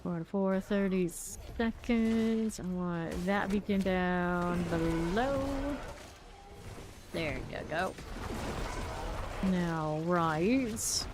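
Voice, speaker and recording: A woman's voice: on the low side, extremely slow, few pauses, background noise. A woman streaming a game, chatting casually and rambling to her viewers as she plays. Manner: chatty, rambling, talks to chat. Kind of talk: casual gameplay chat.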